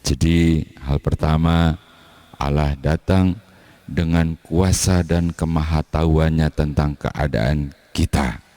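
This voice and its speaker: A man preaching a sermon at a church service in a relaxed, conversational way. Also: very deep voice, slow. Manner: relaxed conversational preaching, acting out quoted dialogue. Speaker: pastor.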